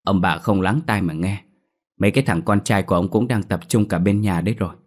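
A man doing a flustered, hurried village neighbour. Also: sits low. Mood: defensive. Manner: hurried, defensive explaining.

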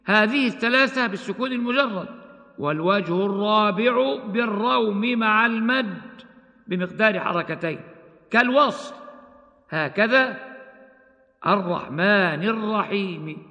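A man teaching the rules of Quran recitation, explaining each rule and then slowly chanting the examples. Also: sits high, bright, forceful tone, in a large hall. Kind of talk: tajweed lesson with chanted examples.

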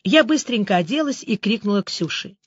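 A woman's voice: mid-range voice, lively intonation, brisk, slightly rough, no echo, highs cut off. Woman reading a novel aloud, dry and close. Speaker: audiobook narrator. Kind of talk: audiobook reading with character voices.

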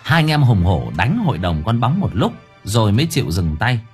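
Expressive male audiobook narrator. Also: medium pitch, a little fast, faint music behind. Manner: vivid, expressive storytelling. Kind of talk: dramatic story narration.

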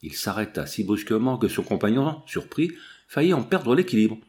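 A man narrating a classic novel as an audiobook, with slow, measured phrasing. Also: on the low side, sing-song, a little mellow.

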